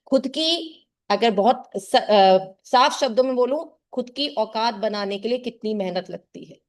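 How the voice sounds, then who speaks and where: A woman's voice: on the high side, animated, unhurried. A middle-aged woman tutor giving an earnest motivational talk to her class and calling her students "child.". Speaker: tuition teacher.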